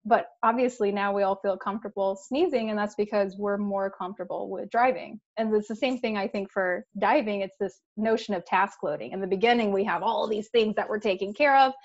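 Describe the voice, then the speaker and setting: A woman's voice: mid-range voice, brisk, hardly any pauses, muffled recording. A woman guest in a casual interview, upbeat and laughing, explaining things with everyday examples. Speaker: guest sharing diving stories.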